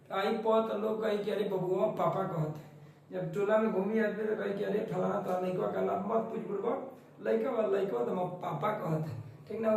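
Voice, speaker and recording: Chatty high-voiced teacher, echoey room. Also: male voice, gravelly, darkish tone, far from the mic, a little hiss or hum. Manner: chatty, jokey, repeats and quizzes students, calls them "babu". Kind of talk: exam-prep Hindi grammar lesson.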